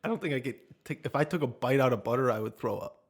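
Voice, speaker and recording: A man with a mid-range voice co-hosting a casual podcast chat. He is playful and quick with a joke. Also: mid-range voice. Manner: playful, jokey. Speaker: podcast co-host.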